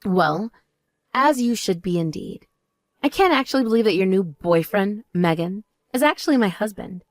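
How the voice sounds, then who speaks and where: A woman voicing a calm older sister who speaks in a measured, patronizing way in a voiced story. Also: medium pitch, dry recording, studio quality, voice pushed down, close to an everyday voice. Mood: composed. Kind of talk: voiced text story dialogue.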